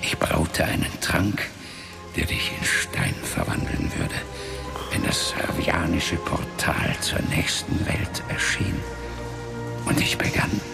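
An ancient, solemn father, a powerful wizard of a magical race, recounts events gravely in a fantasy radio drama. His very low, gravelly voice is a breathy half-whisper, unhurried and sing-song, a full character performance in measured storytelling over prominent background music.

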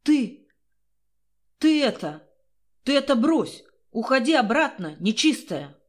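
A woman reading the part of a frightened, cowardly young husband, speaking in a loud, agitated, pleading way. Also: a little high, normal speed, natural voice. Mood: scared.

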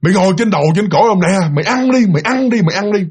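A man putting on a gruff taunting ghost. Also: high-pitched, lively intonation, very fast, a little mellow, pitched above the performer's own voice. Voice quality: rough, gruff voice. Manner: repetitive, taunting commands.

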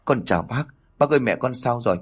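A man voicing a devoted grown son in a spoken story, speaking earnestly and pleadingly, a bit above his narrating pitch. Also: animated, fast, faint music behind, close to an everyday voice. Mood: alarmed.

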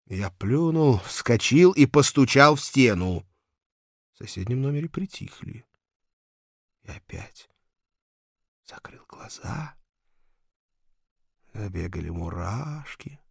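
Slow, gravelly male narrator. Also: mid-range voice, no echo, clean studio sound. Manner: measured storytelling, drops to a murmur. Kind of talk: audiobook narration.

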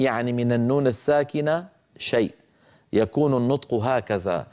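A man's voice: mid-range voice, darkish tone. A middle-aged man giving a Quran recitation lesson, patiently explaining the rules and stretching out the example words as he chants them.

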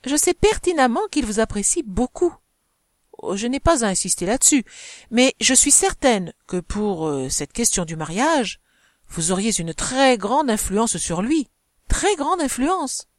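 A woman's voice: on the high side, very animated, a little slow, dry recording, studio quality. A woman reading the part of a chatty elderly countess in an audiobook, insistent and coaxing, stretching her emphatic words.

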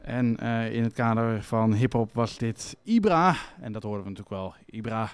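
A man's voice: fairly low pitch, moderate pace, smooth, no room sound. A man presenting on the radio between songs in a casual way, hesitating often with fillers. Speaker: radio host.

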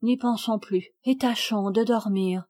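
A woman's voice: on the high side, a little slow, a little mellow, dry recording, studio quality. A woman voicing a defiant, angry little girl who talks to herself in a sulky way, as in a read storybook.

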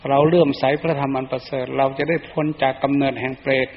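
A man's voice: medium pitch, fairly even intonation, fast talker, lightly acted. A man doing a kind elder ghost daughter. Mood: coaxing. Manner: soft coaxing. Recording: echoey dull lo-fi recording.

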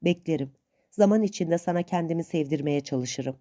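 A woman voicing a shy, timid young man who speaks hesitantly and softly in a storybook reading. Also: deep voice, moderate pace, natural voice. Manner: hesitant, soft-spoken.

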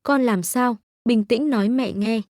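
A woman's voice: a little high, unhurried, a little mellow, dry recording, studio quality, natural voice. Woman reading as a weary country mother. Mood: soothing. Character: weary, loving middle-aged rural mother.

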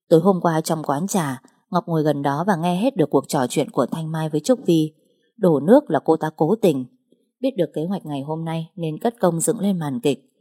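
A woman reads a story aloud in a steady storytelling manner, with a low, dark, husky voice. Her delivery stays even and measured. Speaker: narrator. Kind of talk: audiobook narration.

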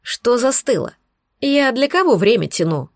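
A woman's voice: on the high side, very animated, normal speed, no room sound, clean studio sound. A woman voicing a proud, snappy female cat familiar in an audiobook. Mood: grumbling. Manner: snappish, indignant.

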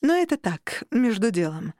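A woman narrating an audiobook in the first person, with lively, ironic intonation, recorded close in a booth. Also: fairly high pitch, moderate pace, no echo.

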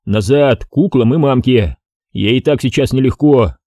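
A man voicing a gruff, impatient middle-aged police chief who talks in slang, in an audiobook. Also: mid-range voice, moderate pace, warm tone, no room sound, clean studio sound, lightly acted.

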